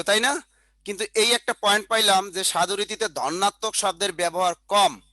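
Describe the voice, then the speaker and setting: A man's voice: high voice, pushed and bright, no echo. A man teaching an online class over a video call, dictating notes, repeating points, with colloquial joking asides. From Bangladesh.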